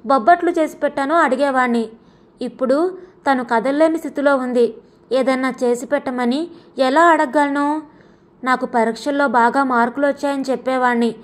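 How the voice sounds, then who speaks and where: A woman narrating a scripted audio story in a calm, reflective reading voice. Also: sits high.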